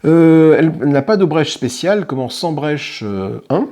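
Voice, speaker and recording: A man's voice: on the high side, expressive, moderate pace, warm tone. A man hosting a tabletop game channel, casually explaining a solo playthrough and thinking aloud with small self-corrections. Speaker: board game channel host.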